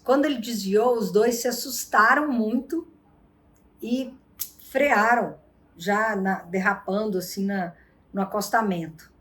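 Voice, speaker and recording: A woman hosting a vlog and giving advice on arguments, telling stories with lively acted-out quotes. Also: mid-range voice, unhurried. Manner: animated storyteller, acts out quotes. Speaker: vlog host and relationship advisor. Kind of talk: casual advice talk.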